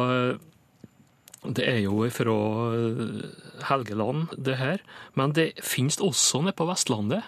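A man as a radio dialect expert, answering listener questions in a measured, explanatory way with frequent pauses. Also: mid-range voice, dry recording.

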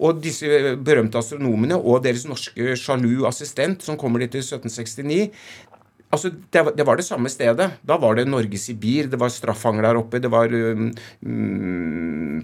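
A man with an Oslo Norwegian accent, a novelist talking in an interview in an effusive, emphatic way with halting repetitions. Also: mid-range voice, gravelly. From Oslo west, Norway. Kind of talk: animated conversational interview.

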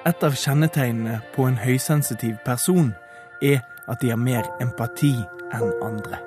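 Man as calm documentary narrator, mid voice, music bed underneath. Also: medium pitch, natural voice. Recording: music playing behind.

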